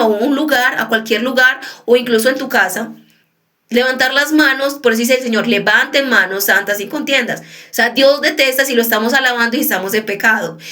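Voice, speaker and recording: A woman delivers a relaxed, conversational sermon in a voice that sits a little high for a woman. As she explains, she keeps checking in with her listeners by turning to them with quick questions.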